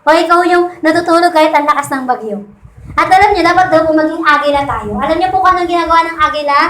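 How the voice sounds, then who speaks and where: A woman's voice: very high voice, fast, a bit bright. A woman preaching a Sunday sermon in a conversational way, often asking her listeners to agree and mixing English phrases into her talk. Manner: mixes English phrases into Tagalog. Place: church. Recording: echoey church hall.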